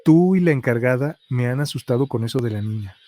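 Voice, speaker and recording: A man's voice: medium pitch, animated, a little fast, dark tone, lightly acted. A man reading as a frightened policewoman. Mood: scared. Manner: nervous, pleading. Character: frightened young woman police officer.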